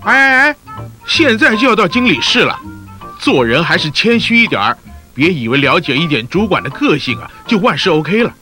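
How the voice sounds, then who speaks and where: High swooping male voice, sarcastic scolding mentor, exclamatory, Taiwanese Mandarin accent, instructional comedy. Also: sing-song, normal speed, sharp tone, faint music behind, exaggerated voice. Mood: coaching. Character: teasing, scolding male narrator-mentor coaching a newcomer. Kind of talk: comic instructional narration.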